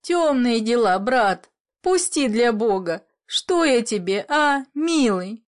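A woman's voice: medium pitch, animated, takes it slowly. A woman voicing a frightened young peasant man who begs and wails in a raised, trembling voice. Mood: pleading. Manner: pleading, wailing, praying.

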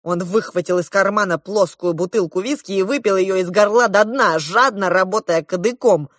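A woman narrating a fantasy audiobook in an unhurried, expressive storytelling manner. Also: medium pitch, no echo, clean studio sound. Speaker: audiobook reader.

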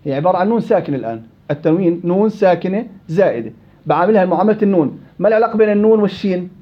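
A man teaching a classroom tajweed lesson, quizzing his students with quick questions. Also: sits high, lively intonation. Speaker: Quran recitation teacher. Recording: dull lo-fi classroom recording.

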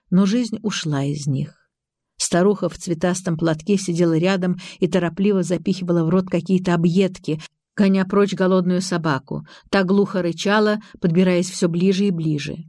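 A woman reading a novel aloud as an audiobook narrator, in calm, measured scripted narration. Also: fairly low pitch, no echo, studio quality.

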